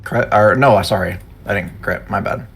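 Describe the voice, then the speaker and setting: Gravelly low-voiced man at a game table. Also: moderate pace, fairly bright tone, soft background music. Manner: chatty, fumbles his math aloud. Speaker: player. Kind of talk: casual tabletop play.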